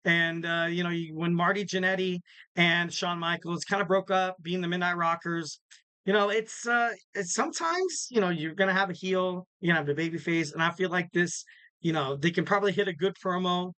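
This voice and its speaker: A slightly raspy, bright and forceful male voice, pitched a little above most men's, delivers a casual solo wrestling preview as podcast host. He talks a little fast in a rambling, filler-heavy, upbeat promo manner. The sound is dry and close, with no room sound.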